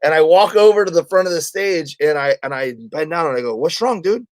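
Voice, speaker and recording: A man's voice: fairly high pitch, quick pace, clear, resonant tone, no echo. A man, a comedian guest, telling a story in a casual interview and acting out the quotes of the people in it.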